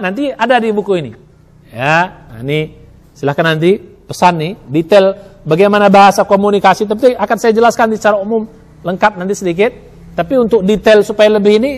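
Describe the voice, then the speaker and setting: A middle-aged man, an Islamic preacher giving a lesson on prayer, reciting Arabic lines and explaining them with rising emphasis. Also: a little high.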